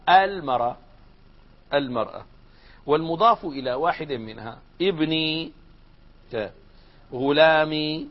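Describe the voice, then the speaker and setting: A man teaching a grammar lesson, putting questions to his class and answering them himself, shifting between formal and colloquial speech. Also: on the high side. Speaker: sheikh teaching Arabic grammar. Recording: dull lo-fi lecture recording.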